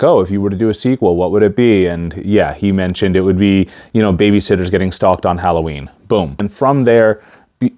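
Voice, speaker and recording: Male movie-review vlogger, lower register, casual and halting, stiff-mouthed after wisdom teeth surgery. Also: darkish tone. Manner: stiff-mouthed speech after wisdom teeth removal, limited facial mobility. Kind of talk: casual talk to camera.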